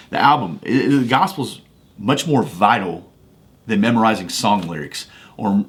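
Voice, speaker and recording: A man hosts a faith-based podcast, speaking into a studio microphone. He talks in a casual, folksy way, restarting phrases as he tells a personal story. His pitch sits in the usual middle range for a man. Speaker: podcast host.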